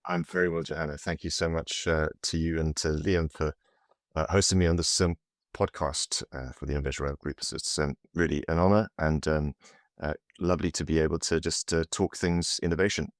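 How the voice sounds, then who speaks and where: Very deep-voiced hesitant man. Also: steady tone, brisk, no echo, studio quality. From South Africa. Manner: hesitant, many fillers and restarts. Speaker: podcast guest, consultancy managing partner. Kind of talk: casual interview over a call.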